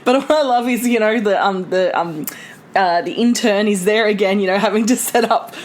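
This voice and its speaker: A woman's voice: mid-range voice, moderate pace. A woman co-hosting casual comic chat, with playful, sardonic and sweary remarks. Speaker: podcast co-host.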